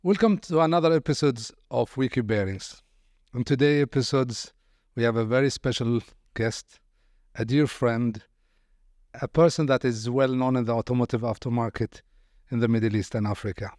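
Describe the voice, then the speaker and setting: A man hosts a podcast interview in a middle-pitched voice, recorded close and dry with no room sound. He welcomes his guest and asks questions, sometimes restarting his sentences. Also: normal speed, no room sound. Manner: warm, welcoming, hesitant restarts. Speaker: podcast host.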